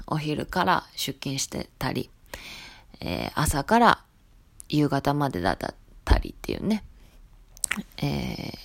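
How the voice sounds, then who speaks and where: A woman with a Hiroshima accent talks through her voice blog in a loose, friendly way. Her voice sits a little low for a woman, and her dialect colours her speech more as she relaxes. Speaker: shop sales staff hosting a voice blog. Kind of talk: casual spoken voice blog.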